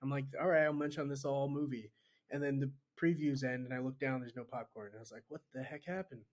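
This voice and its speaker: Man telling animated casual stories. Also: medium pitch, quick pace. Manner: animated storyteller, laughs easily. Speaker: podcast guest. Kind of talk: casual chat.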